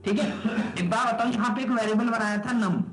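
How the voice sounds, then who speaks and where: High-voiced male teacher quizzing his class. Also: brisk. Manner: quizzes students with rhetorical questions, keeps checking "okay?". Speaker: programming teacher. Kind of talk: live classroom lecture. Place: classroom with students. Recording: echoey room with background noise.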